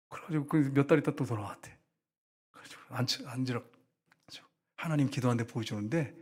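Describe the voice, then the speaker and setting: Animated storytelling Korean pastor. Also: male voice, on the high side, breathy edge. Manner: animated storytelling with quoted dialogue. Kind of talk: storytelling sermon.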